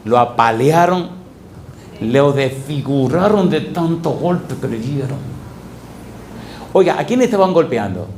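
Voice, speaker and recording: A man's voice: medium pitch, expressive, measured pace, pauses often, darkish tone. A male pastor preaching a sermon, telling a story and firing rhetorical questions at his congregation for call-and-response. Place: church hall with a congregation. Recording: echoey hall sound, faint room noise.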